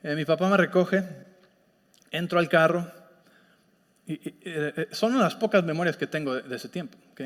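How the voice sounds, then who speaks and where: Predicador de voz aguda en sala reverberante. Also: male voice, on the high side, moderate pace, long pauses. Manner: conversational, asks listeners often if they follow. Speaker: pastor. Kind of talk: sermon with personal story. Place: church sanctuary. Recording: long reverb of a church hall.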